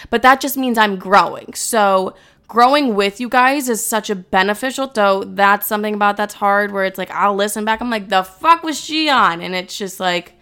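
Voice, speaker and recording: A woman's voice: medium pitch, moderate pace, a bit bright, clean tone. A young adult woman hosting her own podcast, talking candidly and bluntly to listeners with frequent swearing. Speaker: podcast host. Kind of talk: casual chat to listeners.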